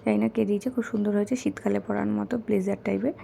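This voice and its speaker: A young woman talking softly and hoarsely in a casual chat while showing gifts, keeping her voice low because her son is asleep. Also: fairly even intonation, fast talker. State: hoarse, her throat is bad.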